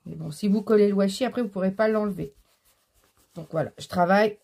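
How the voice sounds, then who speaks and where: A woman's voice: mid-range voice, brisk, creaky, warm tone. A woman hosting a casual craft tutorial, explaining each step while she works, with frequent fillers. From France.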